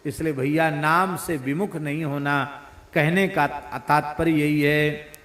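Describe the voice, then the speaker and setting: A man gives a devotional sermon at an unhurried pace, slipping into slow sung verses between his explanations. His voice sits a little high for a man. It rings out in a roomy, echoing space. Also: fairly even intonation, fairly bright tone. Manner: sings devotional verses slowly, explains with playful imitation of mispronunciations. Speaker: spiritual preacher.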